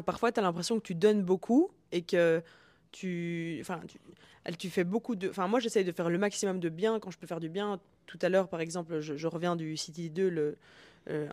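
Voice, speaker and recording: A young woman, a guest telling stories in a lively way, acting out quotes and often restarting sentences. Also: on the low side, no echo. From Belgium. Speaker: guest, founder of a student dating group. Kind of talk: casual storytelling.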